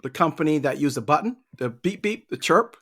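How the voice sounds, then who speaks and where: A man's voice: a little high, animated, fairly quick, a bit bright, husky. A middle-aged man from Barbados, a leadership trainer answering interview questions in an easygoing way and often repeating words while he thinks.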